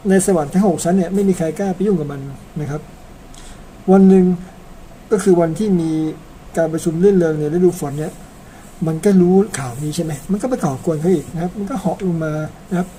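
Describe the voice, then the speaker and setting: A man's voice: sits high, a little fast, warm tone, slight background noise. A man from Thailand narrating an old epic in a chatty, casual way, tagging his sentences with polite particles and slipping in personal asides. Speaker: storyteller.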